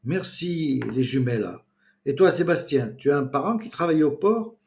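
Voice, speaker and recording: A man's voice: on the high side, lively intonation, moderate pace, a little mellow, voice pushed up. A man voicing a bossy, teasing small-town mayor chairing a meeting.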